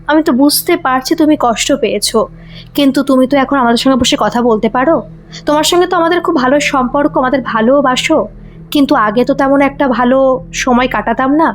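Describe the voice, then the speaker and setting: A woman's voice: high voice, slight background noise, close to an everyday voice. A woman voicing a grieving young adult daughter who speaks pleadingly and earnestly.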